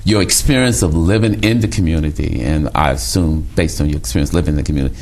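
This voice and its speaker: A man's voice: very deep voice, fast talker, darkish tone. A man hosting an interview, asking questions casually and backing the guest with short murmurs of agreement. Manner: frequent short backchannels. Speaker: host.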